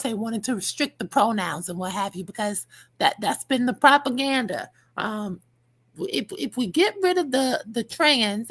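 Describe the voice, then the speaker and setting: A middle-aged American woman speaks in a high, slightly husky voice with dental retainers in. Her delivery swings widely as she gives emphatic commentary on a discussion panel. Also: pushed and bright.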